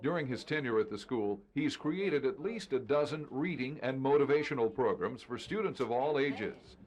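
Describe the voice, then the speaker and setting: A man's voice: mid-range voice, expressive, normal speed. A man reading scripted narration for a television news feature.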